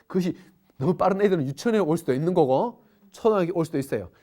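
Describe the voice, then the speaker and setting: Woman parenting educator, middle-aged, lively rhetorical lecture delivery. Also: lowish voice, quick pace. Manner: animated, talks to audience with rhetorical questions.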